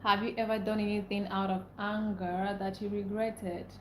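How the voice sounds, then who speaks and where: This young Nigerian livestream host, a native speaker of Igbo, uses a mid-range voice with flat delivery at a moderate pace. Reading comments and chatting casually with viewers, she repeats herself and laughs a lot; the echoey room has faint ambience and a touch of hiss or hum.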